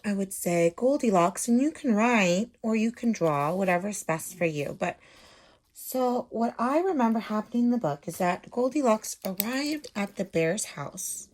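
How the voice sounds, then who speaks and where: A woman teacher draws while casually explaining things in simple terms to young children, adding little check-in questions. Her medium-pitched voice is a little mellow, with lively intonation and an unhurried pace.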